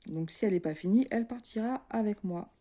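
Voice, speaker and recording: A middle-aged woman from France, a craft vlogger chatting casually to her viewers in a relaxed, easygoing way with many fillers. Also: mid-range voice, fast. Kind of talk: casual chat to camera.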